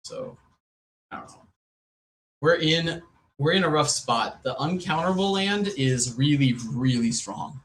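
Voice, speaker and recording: A man co-hosting a podcast, giving casual, joking commentary on a card game with lots of "like" and drawn-out asides. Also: on the high side, big pitch swings, a little hiss or hum, poor audio.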